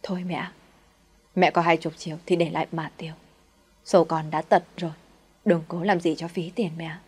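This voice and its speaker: A woman's voice: deep voice, flat delivery, normal speed, slightly rough. A woman voicing a weak, dying young man. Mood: resigned. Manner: weak, quiet, resigned.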